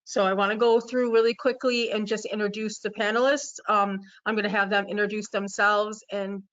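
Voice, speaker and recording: A woman's voice: medium pitch, level tone, normal speed, fairly bright tone, dull audio. A woman in her thirties from the United States, moderating an online panel in a loose, friendly way. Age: 30s. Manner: friendly, loose, "kind of" phrasing. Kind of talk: casual moderating.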